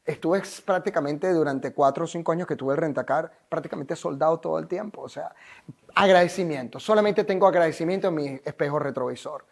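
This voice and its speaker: A man's voice: fairly high pitch, brisk, vocal fry. A Venezuelan man, a life coach, telling his story in an interview in an earnest, emphatic, motivational way.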